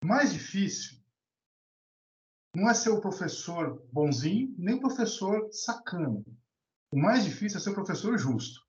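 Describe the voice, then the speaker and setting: Talkative guy, voice jumps all over, kinda high, roomy dull sound. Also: moderate pace. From Brazil. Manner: animated, colloquial, many restarts. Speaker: discussion participant, teacher. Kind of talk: casual storytelling and opinion. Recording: echoey lo-fi recording.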